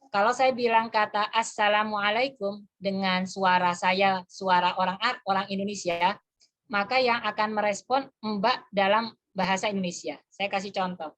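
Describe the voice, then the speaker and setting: A woman's voice: mid-range voice, steady tone, normal speed, fairly bright tone. A woman presenting an online lesson, explaining step by step as she demonstrates an app on her phone. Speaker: webinar presenter.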